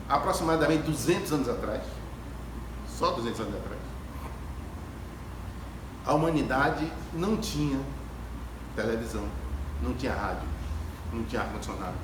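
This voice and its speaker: A man with a mid-range voice gives a reflective spiritual lecture to an audience at a Spiritist gathering in an ecumenical hall. His storytelling is emphatic, built on repeated phrases and rhetorical questions. The recording, made with a distant phone camera, is echoey and has clear background noise.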